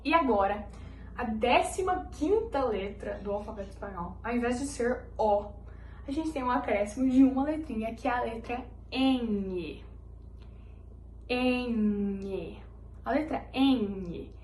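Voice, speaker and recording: A woman's voice: a little high, expressive, unhurried, darkish tone. A woman teaching a language lesson, patiently repeating each letter so students can copy it. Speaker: Spanish teacher. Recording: roomy echoey recording.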